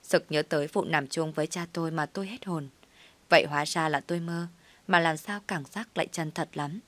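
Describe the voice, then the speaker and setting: A woman narrating a personal story in the first person, in a steady, plain recounting manner. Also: low voice, brisk, no echo.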